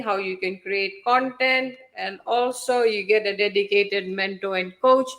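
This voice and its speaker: A woman's voice: a little high, a bit bright, low-quality recording. A woman giving an earnest personal testimonial about herself. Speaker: speaker sharing her story.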